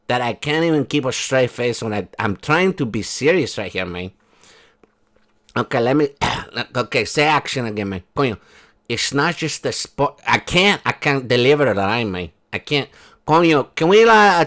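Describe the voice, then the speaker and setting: A man's voice: mid-range voice, expressive, normal speed, a bit bright, natural voice. A man voicing a crude, rambling male polo player, who swears and mocks rich players. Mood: mocking. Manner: coarse, rambling, keeps swearing. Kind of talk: comic sketch in a vlog.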